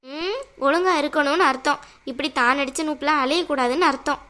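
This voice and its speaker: A woman voicing a harsh, domineering mother-in-law in an animated cartoon, scolding in a bossy way. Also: sits high, a little fast. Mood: scornful. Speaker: voice actor.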